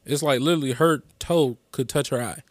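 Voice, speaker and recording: Halting young man on a podcast. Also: medium pitch, slight background noise. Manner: halting, repeats words while recalling. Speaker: podcast guest. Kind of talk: casual chat.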